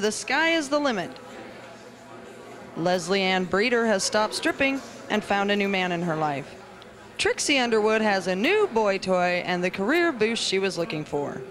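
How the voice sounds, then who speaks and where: A woman's voice: mid-range voice, fairly bright tone. A young woman playing an earnest, sensationalist TV field reporter in a portentous parody news anchor style. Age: young adult. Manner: melodramatic, portentous news delivery. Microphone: handheld microphone.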